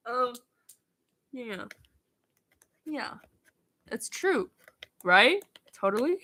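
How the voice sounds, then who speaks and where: During a casual livestream, a woman reads her homework aloud, rambling and tripping over words. Her voice sits high with huge pitch swings, and she draws out words and pauses often.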